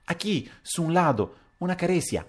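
A man's voice: high voice, expressive, normal speed, pitched above the performer's own voice. A man reading aloud and voicing a flustered young foreign woman who speaks in broken, mispronounced words. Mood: giggly, flustered.

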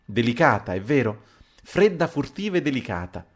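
A man reading aloud and voicing an excitable older man who leads a séance with eager, exclamatory speech. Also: mid-range voice, moderate pace, breathy edge. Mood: coaxing.

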